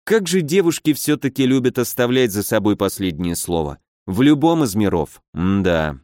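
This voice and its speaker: A man's voice: fairly low pitch, very animated, normal speed, darkish tone, dry recording, clean studio sound. A man reading a novel aloud in the first person, with a wry storytelling manner. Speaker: audiobook narrator. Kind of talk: first-person scripted narration.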